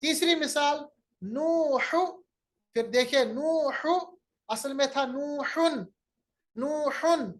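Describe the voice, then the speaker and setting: A man teaching a lecture on recitation rules, patiently repeating each rule and drawing out syllables to model the sounds. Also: very high-pitched.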